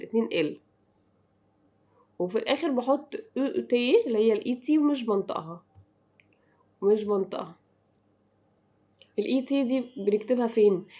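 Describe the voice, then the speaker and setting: Woman drilling words slowly, Egyptian accent. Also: on the high side, dark tone, highs cut off. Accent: Egyptian Arabic. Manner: repeats words slowly and clearly for practice. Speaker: French teacher. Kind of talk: slow drilling language lesson.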